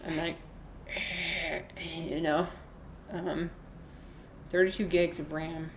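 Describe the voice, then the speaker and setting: A woman's voice: low-pitched, little pitch movement, drawn-out words, a little hiss or hum, low-quality recording. A woman game streamer chatting casually with viewers as she plays, in a playful, offhand, easily sidetracked manner. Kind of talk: casual gameplay chat with viewers.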